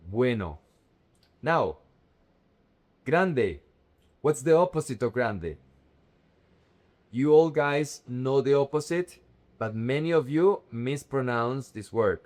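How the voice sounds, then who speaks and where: A man teaching Spanish vocabulary, saying each word slowly and repeating it with clear stress on the syllables. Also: medium pitch, a little mellow. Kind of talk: slow, careful language lesson.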